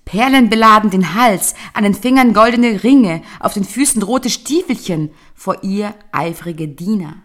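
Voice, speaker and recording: A woman reading a fairy tale aloud in a measured, solemn storytelling manner. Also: medium pitch.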